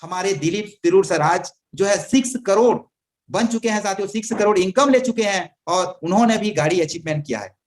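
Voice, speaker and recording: A man giving an energetic, persuasive motivational sales presentation as a team leader. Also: high voice, fairly quick. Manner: energetic, persuasive, addresses listeners as friends. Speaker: network marketing team leader.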